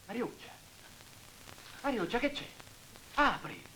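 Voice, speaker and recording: A coaxing visitor in a vintage film drama. His pitch rises and falls extremely widely as he pleads. Clear noise and clicks run through the worn soundtrack. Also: very animated, slow, bright, forceful tone, exaggerated voice, rough recording. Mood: urgent. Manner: coaxing, then urgent. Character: pushy man calling through a door.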